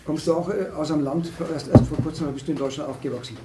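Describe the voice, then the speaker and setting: A man holding forth in a discussion, halting and restarting often, with emphatic rises. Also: on the high side. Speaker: speaker at a discussion on asylum. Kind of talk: lecturing discussion talk. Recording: echoey room, distant mic, faint noise.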